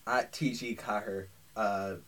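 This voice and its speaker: A man's voice: lowish voice, steady tone, slow, over a noisy crowd. A young man co-hosting a podcast, chatting casually and rambling off on tangents. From Ireland. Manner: rambling, full of restarts and tangents. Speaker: podcast co-host. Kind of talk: casual chat.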